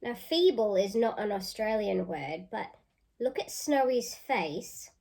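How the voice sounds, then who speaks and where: Expressively reading a picture book to children, a female teacher speaks in a mid-range voice and stops at points to ask her listeners questions.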